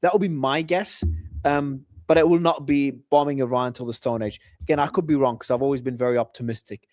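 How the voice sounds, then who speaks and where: A man's voice: medium pitch, steady tone, brisk, darkish tone, no echo, studio quality. A man hosting a live talk show, reading out news updates and giving his own predictions. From Australia. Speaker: host.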